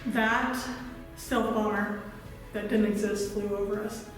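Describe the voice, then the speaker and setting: A woman recalls her service in a matter-of-fact manner. Her pitch is ordinary and quite flat. The sound rings in a hall, with faint music underneath. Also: a little slow. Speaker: veteran. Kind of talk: interview recollection. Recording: echoey hall.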